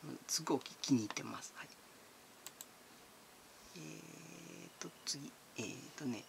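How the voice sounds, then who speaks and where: A chatty man, answering viewer comments in a relaxed, giggly way. His voice sits fairly high and swings up and down a lot. There is a gravelly edge to it. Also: takes it slowly, whispered. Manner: chatty and giggly, calls himself by nickname. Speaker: channel host.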